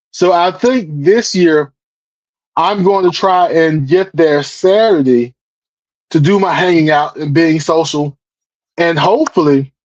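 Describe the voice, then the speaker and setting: Easygoing high-voiced man in his forties. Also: dry recording, muffled recording. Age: 40s. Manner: chuckling, easygoing. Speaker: guest. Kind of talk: casual chat.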